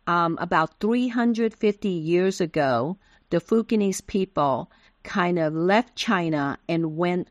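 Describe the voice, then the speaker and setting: This is a middle-aged woman from Taiwan, a native Taiwanese Hokkien speaker, giving patient explanations in interview answers as a guest. Her voice sits on the low side, captured in clean studio sound without any room ambience.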